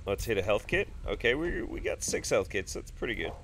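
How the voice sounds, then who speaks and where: A man in his thirties with sinus congestion giving him a sick, nasal sound rambles through jokey let's play commentary from his home desk, cursing freely as a gaming YouTuber. His lowish voice is sing-song, brisk, and a bit bright, with slight background noise.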